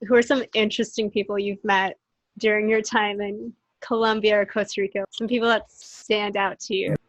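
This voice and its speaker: A woman's voice: mid-range voice, little pitch movement, moderate pace, dry recording, poor audio. A woman hosting an interview, asking questions and laughing along with her guest. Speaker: host.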